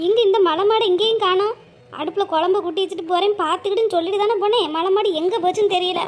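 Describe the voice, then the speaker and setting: A woman's voice: very high-pitched, racing, slight background noise. A woman voicing a scolding village mother-in-law who grumbles to herself. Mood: grumbling.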